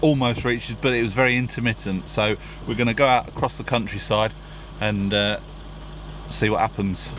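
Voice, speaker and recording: A vlogger tests two-way radios, talking casually and alternating between offhand remarks and radio check calls. His voice is fairly low, steady and moderately paced, with vehicle and ambient noise clearly audible.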